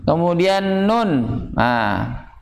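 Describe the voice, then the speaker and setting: Slow echoing man teaching recitation. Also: sits high, big pitch swings, vocal fry, a little hiss or hum. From Indonesia. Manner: patient, drills syllables slowly and has students repeat. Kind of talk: tajwid lesson with call-and-repeat drills. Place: small prayer room, evening class. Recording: echoey room with long reverb.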